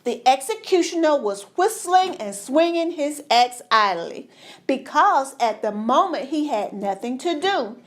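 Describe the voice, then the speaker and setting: A woman reading a children's storybook aloud, measured and expressive. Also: sits high. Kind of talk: read-aloud storybook narration.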